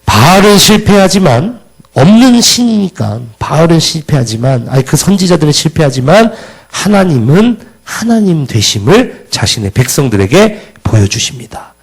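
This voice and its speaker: A man's voice: a little high, very animated, moderate pace, breathy edge, poor audio. A man preaching a sermon, questioning the congregation and reading scripture aloud with emphatic rises. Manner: asks the congregation questions, loud emphatic peaks.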